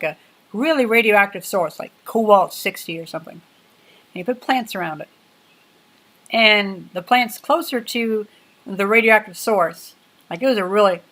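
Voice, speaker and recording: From her home workshop, a woman in her twenties hosts a relaxed livestream, her mid-pitched voice drifting loosely from topic to topic. The chat is rambling and casual, thick with little fillers.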